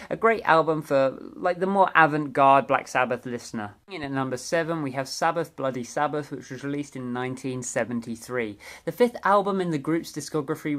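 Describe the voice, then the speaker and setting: A young man talking through a ranked album countdown in a relaxed, chatty way. His voice sits at an ordinary middle pitch, and he gets eager about favourite tracks, often restarting or correcting himself mid-phrase. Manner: enthusiastic and chatty, with small self-corrections. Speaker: music reviewer. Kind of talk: casual ranked album review.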